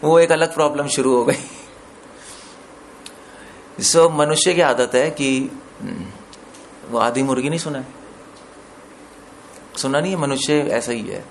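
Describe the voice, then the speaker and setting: In an unhurried way, pausing frequently, a preacher with a medium-pitched voice unpacks scriptural vocabulary piece by piece. Questions to the audience keep them engaged, English words appear now and then, and there is slight background noise.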